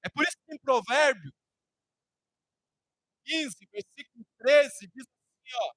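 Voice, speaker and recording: Brazilian guy preaching, kinda high voice, tells a story and keeps repeating words. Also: lively intonation, unhurried, a bit bright, dry recording, rough recording. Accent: Brazilian Portuguese. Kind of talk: sermon with personal storytelling.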